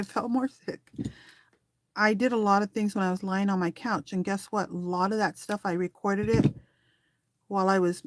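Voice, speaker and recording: In a medium-pitched voice with no room sound, a woman who runs a small online shop leads a craft tutorial. She chats in a relaxed, rambling way, thinking aloud as she works with her hands.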